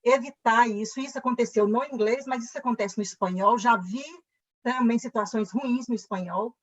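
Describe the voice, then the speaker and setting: A Brazilian woman professor makes her points in an emphatic, earnest lecturing manner, tagging her sentences with quick checks on the listener. Her voice sits a little high. The sound is slightly muffled, like audio streamed over a video call. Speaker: linguistics professor. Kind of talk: live online discussion.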